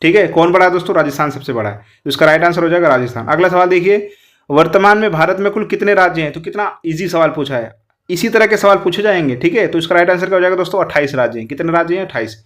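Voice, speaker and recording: Fast-talking male teacher. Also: high-pitched, fairly bright tone. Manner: fast, repetitive, keeps asking the class questions. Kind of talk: exam-prep lesson, explaining quiz answers.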